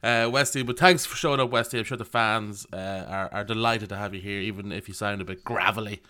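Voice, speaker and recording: A man's voice: on the low side, fairly even intonation, quick pace, sharp tone, smooth. An Irish man hosting a podcast in casual chat, with joking, teasing banter. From County Cavan, Ireland. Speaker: podcast host.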